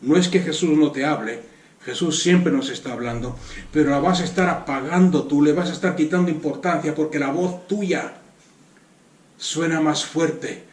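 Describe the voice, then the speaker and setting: Spanish man, fairly high voice, preaching a sermon from a distance in a roomy church hall. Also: moderate pace. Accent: Spanish from Spain. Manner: earnest, repeats words for emphasis, asks the congregation rhetorical questions. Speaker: pastor.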